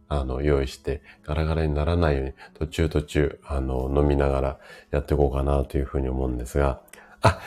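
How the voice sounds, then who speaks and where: A man in his fifties with a rough, hoarse voice, chatting casually as host of a live stream and explaining things to his listeners. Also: rumbling low, mellow. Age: 50s. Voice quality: gravelly, rough voice from drinking the night before.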